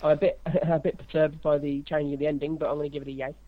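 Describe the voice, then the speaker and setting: A man's voice: a little high, flat delivery, racing, no room sound, phone-quality sound. A man co-hosting a casual chat, giving blunt short verdicts. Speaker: podcast co-host.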